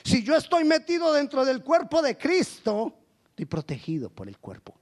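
High-voiced preaching pastor. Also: male voice, wildly swooping pitch, normal speed. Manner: preaching with sudden swings between loud exhortation and low quiet asides. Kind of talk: sermon.

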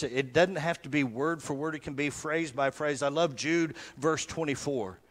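A male pastor giving a sermon, reading verses slowly and repeating them with soft, falling emphasis, then talking plainly to the congregation. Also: mid-range voice. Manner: slow repetitive scripture recitation, dropping soft; conversational teaching with sudden emphatic rises.

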